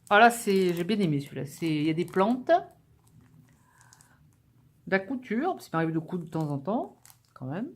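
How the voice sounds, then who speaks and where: A woman's voice: fairly low pitch, breathy edge. A woman vlogger chatting casually to camera as she unpacks a craft-supply haul, upbeat and full of little fillers. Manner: chatty and enthusiastic, with many fillers.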